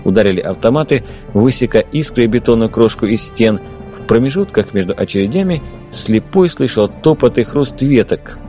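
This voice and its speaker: A man narrating an audiobook adventure in expressive scripted storytelling. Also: mid-range voice, normal speed, faint music behind.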